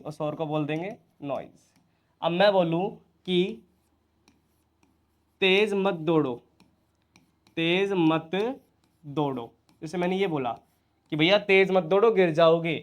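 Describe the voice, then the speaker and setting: Male teacher, Hindi accent, high-ish voice, drills students with repeated questions. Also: darkish tone. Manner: repeats questions to students and answers them himself. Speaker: English teacher. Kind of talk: spoken English lesson in Hindi.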